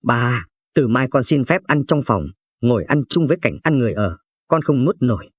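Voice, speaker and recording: A man's voice: medium pitch, animated, normal speed, breathy edge, no room sound, studio quality. A man voicing a jealous, spiteful young wife in a narrated story, with a sneering, cutting manner.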